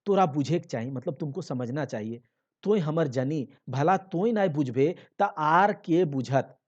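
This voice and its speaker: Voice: medium pitch, animated, measured pace, a little mellow. Gobra, a teacher doing a coaxing village husband. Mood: soothing. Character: poor hungry village husband, coaxing and hot-tempered. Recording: dull lo-fi.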